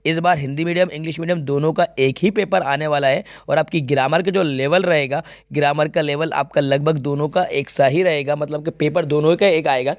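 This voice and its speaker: A man with a slightly mellow voice on the high side teaches English grammar by working through an exam paper step by step. He often checks that students are with him, and there's no echo.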